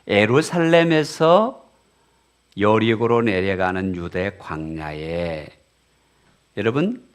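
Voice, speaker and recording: A middle-aged man, preaching a sermon as pastor. He asks the congregation questions and answers them himself, rising to loud emphatic peaks and then dropping to quiet storytelling. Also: fairly low pitch. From Korea.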